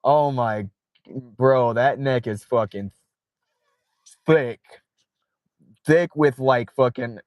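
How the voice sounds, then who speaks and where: Male streamer, mid-pitched voice, slow easygoing delivery, dry close sound in a car, loose and profane, reads chat aloud. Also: no echo, muffled recording. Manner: reads viewer chat aloud, swears freely, laughs often. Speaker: livestream host. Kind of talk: casual late-night livestream chat. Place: inside his parked car.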